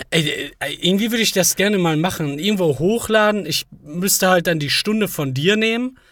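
A man's voice: high voice, moderate pace, a bit bright, dry recording. Joking man in his thirties, dry mic. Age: 30s. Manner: joking, rambling. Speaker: podcast host. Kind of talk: casual chat.

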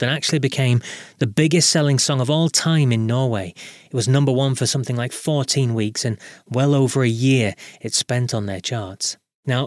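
A man's voice: medium pitch, no echo, clean studio sound. A man hosting a podcast, speaking in a spoken commentary style. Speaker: podcast host. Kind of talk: solo podcast commentary and interview.

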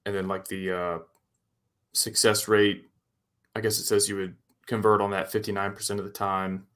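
A man's voice: fairly low pitch, flat delivery, normal speed, fairly bright tone, clean tone. A man co-hosting a casual football show, giving blunt, opinionated analysis. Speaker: sports show co-host.

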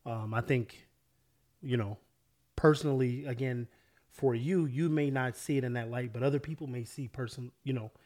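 A man's voice: mid-range voice, warm tone. A man chatting casually on a podcast, sounding nasal and stuffed up from congested sinuses, as if his nose were pinched, often adding "you know". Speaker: podcast guest.

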